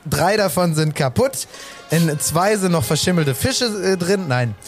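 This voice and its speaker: A man's voice: a little high, animated, a little slow, soft background music. A man narrating as game master of a tabletop game, rambling and restarting often.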